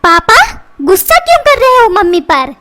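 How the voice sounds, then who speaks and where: A woman's voice: very high-pitched, sing-song, normal speed, slight background noise, exaggerated voice. A woman voicing a lazy, stubborn cartoon schoolboy who whines and talks back. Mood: cheeky. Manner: whiny, cheeky backtalk. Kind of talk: cartoon dubbing. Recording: loud background music. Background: loud music.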